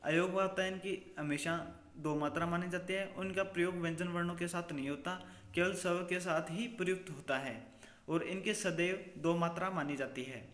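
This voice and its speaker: Preparing students for an exam, this man teaches grammar in a high-pitched, fairly bright voice, keeping his tone steady and pace moderate. He repeats key points and quizzes repeatedly, supplying his own answers, while long reverb fills the echoey room.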